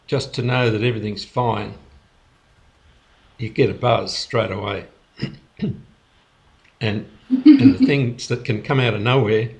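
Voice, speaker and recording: A man of average pitch talks slowly and reflectively over a video call. He often restarts his sentences and lets small laughs slip in between his thoughts. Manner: unhurried, halting, with many restarts and soft laughs. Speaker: host of a spiritual gathering.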